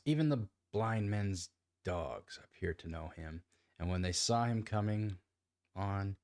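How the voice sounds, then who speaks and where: A man's voice: fairly low pitch, animated, a little slow, a little mellow, no echo, clean studio sound. A man reading a classic novel aloud, often stumbling, restarting lines and commenting on his own reading. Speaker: amateur reader.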